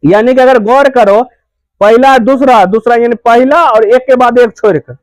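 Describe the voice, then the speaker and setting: High-voiced teacher drilling questions. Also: male voice, moderate pace, no room sound, low-quality recording. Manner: repeats questions and answers them himself. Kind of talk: classroom grammar lesson.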